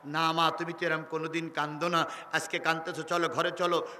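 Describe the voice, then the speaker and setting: Eager young son, male preacher voicing, high forceful chant, echoey hall. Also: flat delivery, a little fast. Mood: pleading.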